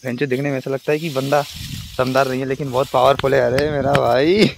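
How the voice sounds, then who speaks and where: A man in his twenties chats casually to camera while vlogging on a phone held at arm's length in an open farm field. He talks fast in a mid-range voice with a level tone, and the handheld outdoor recording is noisy.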